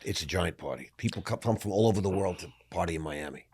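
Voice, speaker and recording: An older man hosting an interview, chummy and quick to cut in with his own remarks. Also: low-pitched, animated, darkish tone, slightly rough. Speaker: podcast host. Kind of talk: casual interview talk.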